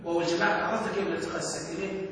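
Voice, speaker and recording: A man's voice: high voice, very fast, a bit bright. A man teaching a grammar lesson as a sheikh, constantly checking his students with questions. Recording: echoey hall, distant mic, faint noise.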